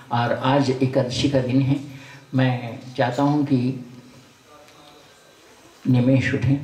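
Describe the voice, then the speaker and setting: A man's voice: medium pitch, dark tone. Older man, guru, folksy sermon, teasing and blessing, distant mic, roomy hall echo. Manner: folksy, blessing and scolding in turn. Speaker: spiritual teacher. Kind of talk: sermon to a camp gathering. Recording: roomy sound from far off the mic.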